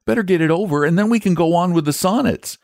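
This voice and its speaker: A man's voice: fast, a little mellow, dry recording, studio quality. A man voicing an earnest young boy in a raised, pleading voice. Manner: pleading and high-pitched.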